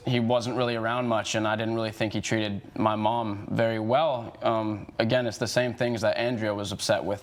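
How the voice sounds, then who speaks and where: Hesitant young man in his twenties. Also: fairly low pitch. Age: 20s. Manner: hesitant, filler-heavy explaining. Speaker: co-defendant. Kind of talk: courtroom testimony.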